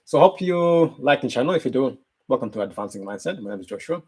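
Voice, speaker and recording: A man's voice: medium pitch, quick pace, husky, low-quality recording. A man hosting a live motivational stream, talking earnestly and repeating his key points. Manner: earnest, repetitive, lively shifts in loudness. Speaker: motivational channel host.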